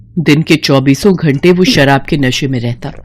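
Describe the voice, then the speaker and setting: A woman's voice: deep voice, normal speed, darkish tone, slightly rough, no echo. A woman narrating a moral story in a scripted storybook style, voicing the characters expressively.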